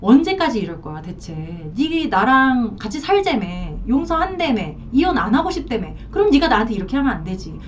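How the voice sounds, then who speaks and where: A woman's voice: big pitch swings, fairly quick, few pauses. A woman voicing a defensive cheating husband. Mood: exasperated. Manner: evasive, pleading, exasperated. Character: defensive cheating husband, middle-aged man. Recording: slightly distant, dull lo-fi, faint rumble.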